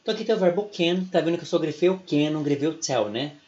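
A man's voice: a little high, animated, racing, darkish tone, dull audio, slight background noise. A Brazilian man with a Brazilian Portuguese accent, giving an online English lecture in a chatty way and often tagging his sentences with "né?" and "ok?". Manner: chatty, keeps adding "né?" and "ok?". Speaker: English teacher.

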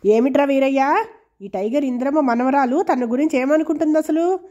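A woman's voice: high voice, fairly quick, warm tone, close to an everyday voice. A woman reading the lines of an arrogant, mocking rich landlord who orders his servant around. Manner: taunting, bossy. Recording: dull lo-fi recording.

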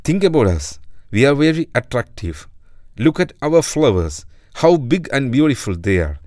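A man gives light, acted voice to a proud elder sunflower plant with a sisterly air, raising his pitch above his own. His mid-range tone is sing-song and slightly dark, at a moderate pace, in a dry, clean studio recording.

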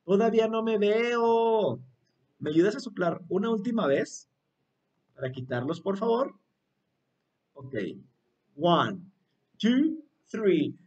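A man's voice: high voice, animated, unhurried, pauses often, a little mellow, far from the mic, dull audio. Cheerful man teaching small children. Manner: cheerful, coaxing, asks children to repeat words. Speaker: English teacher. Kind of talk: online lesson for young children.

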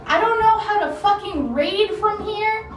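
A woman's voice: extremely high pitch, a little slow, far from the mic. A woman streamer in a bubble-bath tub, chatting in a giggly, rambling way. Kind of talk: casual live-stream chat. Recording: echoey bathroom, voice away from the mic.

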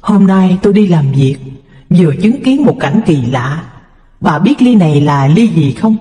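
A man's voice: sits high, very animated, measured pace, mellow. A man voicing an anxious, tender middle-aged doctor husband who speaks in an earnest, worried tone. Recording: echoey, reverberant room.

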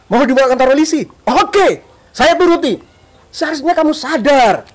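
A man's voice: extremely high pitch, animated, moderate pace. A man playing a stern father who scolds the husband and his own son. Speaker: the lover's father. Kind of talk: amateur village drama acting.

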